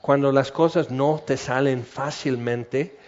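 A man's voice: mid-range voice, steady tone, takes it slowly, darkish tone. A man preaching a conversational, humorous sermon and acting out everyday scenes. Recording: muffled lo-fi recording.

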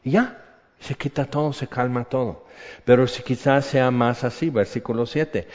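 An older man preaching a sermon, animated and conversational, dropping to a hush for emphasis. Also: mid-range voice, normal speed. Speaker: pastor. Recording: echoey hall, dull lo-fi sound.

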